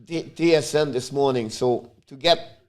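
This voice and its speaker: Medium-pitched and a little slow, the voice belongs to a man from Montreal, Canada, whose native tongue is French. He streams live in Quebec-accented English, narrating the game and chatting with viewers, with occasional loud outbursts.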